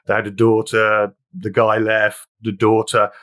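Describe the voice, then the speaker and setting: A man's voice: on the low side, monotone, unhurried, fairly bright tone. A man talking through a film in a casual discussion, earnest and reflective, sometimes reading passages aloud.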